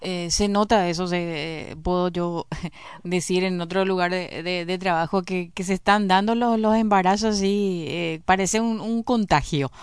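A woman's voice: on the low side, measured pace, clear, resonant tone, no echo, studio quality. A woman interviewer asking questions hesitantly, often repeating words and murmuring agreement. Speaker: interviewer, radio host. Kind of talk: radio interview.

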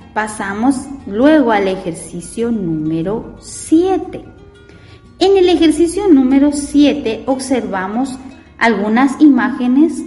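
Slow patient woman teacher, echoey room. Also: high voice, a little mellow. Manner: patient, spells out syllables and asks the class questions. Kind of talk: reading and spelling lesson for children. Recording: echoey room with long reverb and faint music.

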